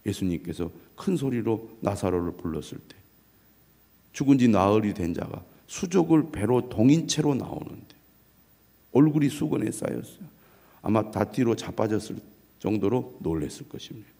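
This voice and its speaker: Middle-aged male pastor, measured sermon delivery, low gravelly voice. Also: big pitch swings, dark tone. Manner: measured preaching, quotes scripture aloud. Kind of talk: early morning sermon.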